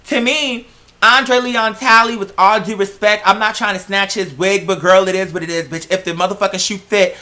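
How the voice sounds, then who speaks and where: Casual, slangy gossip comes from an androgynous-sounding American vlog host whose delivery is sassy and full of drawn-out, emphasized words. The pitch is medium, and the tone is bright and forceful.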